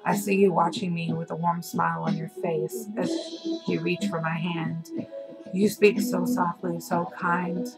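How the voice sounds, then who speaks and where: Brief: young woman, flat and gravelly, halting emotional delivery over a home recording with music. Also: lowish voice. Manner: hesitant with many fillers, emotional. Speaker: fan. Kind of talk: heartfelt message and poem reading.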